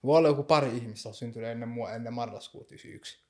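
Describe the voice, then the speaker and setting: Casual young man in slangy chat, mixes in English phrases, keeps on going. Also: medium pitch. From Finland. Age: young adult. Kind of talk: casual conversation.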